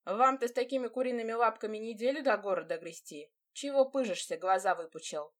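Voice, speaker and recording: A woman reading an audiobook, voicing a gruff peasant boatman who speaks in a blunt, rustic way. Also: on the high side, fairly quick, lightly acted. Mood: grumbling.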